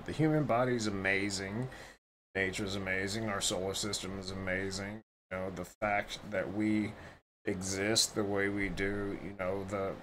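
A man with a low, unhurried voice comments on viral clips. He talks bluntly and rambles between points, and there is a faint hum behind him. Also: a bit bright, rough recording. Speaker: reaction video host. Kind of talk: casual commentary.

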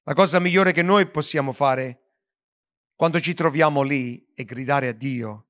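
A man's voice: fairly high pitch, measured pace, a bit bright. A man preaching a sermon as pastor, earnest, with frequent restarts and stumbles over words.

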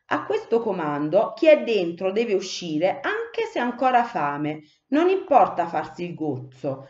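A woman's voice: medium pitch, a little mellow. A woman voicing a clever, bossy young male sparrow who leads the flock, speaking in an urgent, commanding voice. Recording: echoey room, dull muffled sound.

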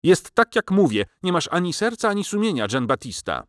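A man voicing an agitated older Italian woman who speaks high and reproachfully in a storybook reading. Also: big pitch swings, brisk, no room sound, clean studio sound. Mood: bitter accusing.

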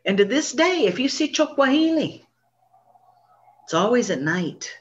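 A woman storyteller telling a traditional folk tale, animated and conversational. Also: on the high side, measured pace. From Chickasaw Nation. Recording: dull lo-fi recording.

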